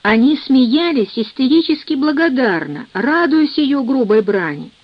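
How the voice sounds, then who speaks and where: A woman reading a novel aloud in measured, expressive scripted narration. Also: high voice, no room sound, muffled recording. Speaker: audiobook narrator.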